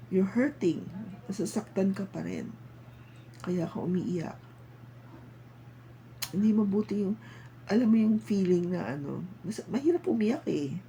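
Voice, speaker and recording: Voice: medium pitch, mellow, a little hiss or hum, rough recording. A tarot reader with a Filipino accent giving a casual, chatty reading and coaxing listeners with frequent tag questions. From Philippines.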